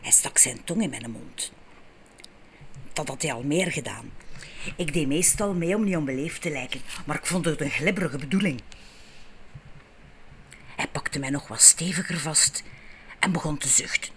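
A Flemish woman narrates a first-person audiobook. Her storytelling is frank and wry, intimate and unhurried in tone. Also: sits low, lively intonation, a little hiss or hum.

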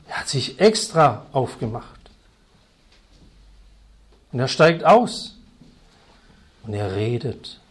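A man preaching a sermon, emphatic and repetitive, swinging between loud stressed words and hushed asides. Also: on the high side, breathy edge.

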